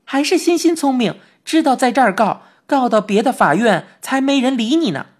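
A woman's voice: high voice, lively intonation, normal speed, voice pushed up. A woman voicing a bold, eager young girl in a storybook reading. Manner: eager and bright. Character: bold lively young girl, protective friend.

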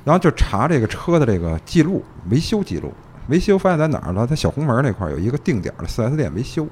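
A man's voice: mid-range voice, sing-song, fast, darkish tone, slight background noise. A man with a Beijing accent telling stories casually, repeating phrases and tossing in rhetorical questions. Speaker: police officer guest telling case stories. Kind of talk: casual anecdotal storytelling.

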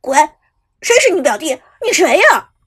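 A woman voicing a brash, hot-headed young man who shouts and rants hysterically in an audiobook. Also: high voice, big pitch swings, fast talker. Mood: hostile.

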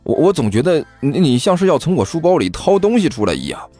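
A man's voice: on the high side, sing-song, fast talker, mellow, faint music behind, pitched above the performer's own voice. A man voicing a chubby, cheeky schoolboy who talks in a glib, mock-innocent singsong. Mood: flustered.

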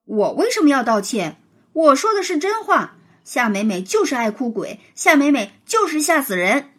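A woman voicing a boastful, mischievous schoolboy who teases loudly in a sing-song way. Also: on the high side, sing-song, normal speed, husky, full character voice. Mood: taunting. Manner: loud, taunting, sing-song chanting.

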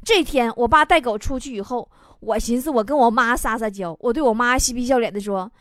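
A woman's voice: on the high side, fairly quick, dry recording, studio quality. A woman hosting a comedy radio show, reading listener jokes aloud and laughing often. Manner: laughs often, animated joke telling.

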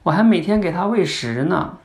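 A man's voice: high voice, animated, moderate pace, voice pushed up. A man putting on a small upset little girl. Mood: wistful. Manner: insistent, pleading.

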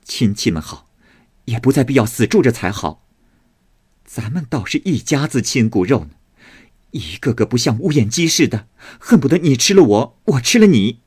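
A man voicing a proud, sharp-tongued young noblewoman who speaks scornfully and defiantly. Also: on the low side, very animated, normal speed, pauses often, husky, no room sound, studio quality.

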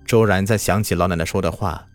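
A man's voice: low-pitched, steady tone, fast talker, no echo. A man telling a scripted horror story in a dramatic style that builds tension, over background music.

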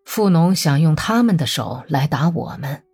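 Cold old revolutionary man, as a woman reader puts him on, lecturing, slow and even, low hushed voice. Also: husky, soft background music, full character voice. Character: elderly calm Bolshevik man, cold and methodical.

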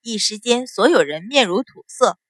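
A woman narrating a dramatic novel in a steady, vivid storytelling manner. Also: fairly high pitch, normal speed, no room sound. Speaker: audiobook narrator.

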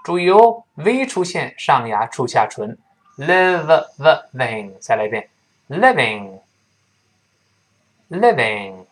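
A man leads a pronunciation lesson, walking through each sound and drawing words out slowly so learners can repeat them. His pitch moves a lot, rising and falling as he explains. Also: sing-song. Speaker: English pronunciation teacher. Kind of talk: spoken English lesson for learners. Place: lives in Sydney.

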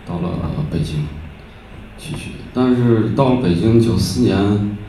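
A man from Xi'an talks informally on stage as a musician, haltingly and with many pauses. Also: fairly low pitch, dark tone. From Xi'an, Shaanxi, China. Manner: halting, pausing often. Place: stage in a hall. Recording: echoey hall, distant mic, faint noise.

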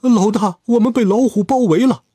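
A man voicing a frightened male henchman who yells in fear with a husky voice. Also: high voice, normal speed, dry recording, pitched above the performer's own voice. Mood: scared. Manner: yelling in fear.

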